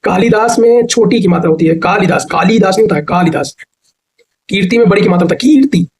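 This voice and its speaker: A man's voice: high-pitched, racing, darkish tone, rough recording. A man teaching a grammar and spelling class, asking a question and answering it himself, repeating each answer and stretching words out to show the spelling. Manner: repetitive drilling question-and-answer. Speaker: Hindi teacher. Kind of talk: online exam-prep lesson.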